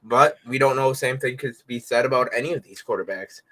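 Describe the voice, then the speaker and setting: A man on a headset giving a calm, measured take in a casual sports chat. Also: mid-range voice, rough recording.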